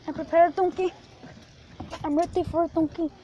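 A woman's voice: very high voice, fairly even intonation, moderate pace, mellow, dull audio, a little hiss or hum. A woman playing a jumpy, playful ogre. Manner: playful, calls everyone donkey. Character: jumpy, childlike male ogre vlogger. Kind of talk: homemade role-play vlog. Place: outdoors at night, then indoors at home. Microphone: handheld video camera.

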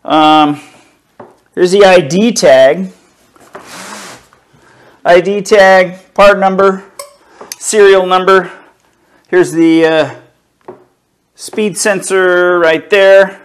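A middle-aged man slowly unboxing and inspecting car parts in his home garage, talking casually to a camera a few feet away. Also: high voice, steady tone, clear, resonant tone. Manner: slow, easygoing, talks while handling parts. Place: home garage workshop, indoors.

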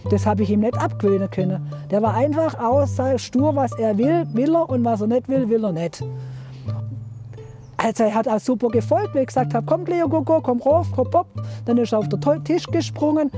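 A middle-aged woman, telling a lively story outdoors in a garden. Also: on the high side. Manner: lively storyteller, imitates chick sounds. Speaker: interviewee. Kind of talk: documentary storytelling.

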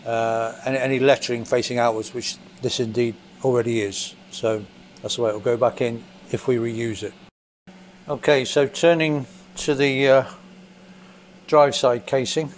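Methodical English mechanic talking over fan hum. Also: male voice, mid-range voice. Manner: plain, methodical, thinking aloud with fillers. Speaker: motorcycle mechanic presenter. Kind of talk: hands-on workshop demonstration. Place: basement workshop. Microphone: camera mic above the bench, hands only in frame. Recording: faint extractor fan hum. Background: extractor fan noise.

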